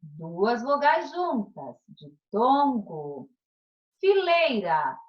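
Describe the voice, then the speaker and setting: A Brazilian woman teacher speaking to young pupils at a slow, patient pace, her voice slightly high and swinging up and down with animated emphasis. She stretches out syllables and keeps checking that the class is following. The recording sounds dull and lo-fi. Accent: Brazilian Portuguese. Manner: encouraging, drawn-out syllables, frequent "tá?" check-ins. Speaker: primary school teacher. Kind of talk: recorded remote class lesson.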